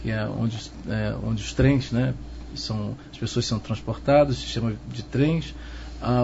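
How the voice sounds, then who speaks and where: A middle-aged professor of security from Rio de Janeiro, Brazil, speaks with a Carioca accent as an interviewed expert, explaining things step by step in a measured way and often seeking a nod of agreement. His voice is mellow. The low-fi sound is muffled and dull, with noticeable background noise.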